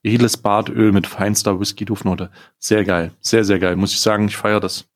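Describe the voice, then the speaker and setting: A man hosting a casual chat, excitable and scatterbrained as he unboxes an advent calendar, laughing often. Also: fairly low pitch, moderate pace. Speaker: podcast host.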